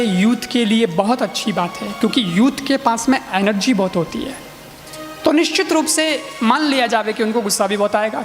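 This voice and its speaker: Male preacher in an echoing hall. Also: high voice. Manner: conversational, rhetorical questions to the audience. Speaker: preacher at a religious discourse. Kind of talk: storytelling sermon. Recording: long reverb hall with faint music.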